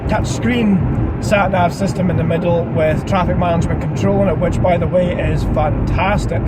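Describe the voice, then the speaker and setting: A man with an Inverness Highland Scottish accent, chatting informally and plainly as he reviews his own car. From Inverness, Scotland. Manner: informal, plain-spoken, colloquial. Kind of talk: casual car review chat. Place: inside a car. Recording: noisy car interior with engine rumble.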